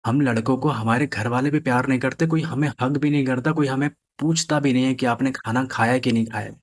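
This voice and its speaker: A young man tells a personal story in an earnest, unpolished way. He often stumbles, repeats himself and starts his phrases over. His voice sits at an ordinary middle pitch for a man. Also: fairly even intonation, a little fast. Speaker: storyteller sharing a personal experience.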